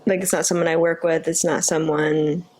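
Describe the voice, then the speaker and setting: A woman's voice: deep voice, flat delivery, normal speed, a little mellow, rough recording. A young woman co-hosting a podcast, giggling and teasing her partner with playful what-if questions. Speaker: podcast co-host. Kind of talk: casual chat.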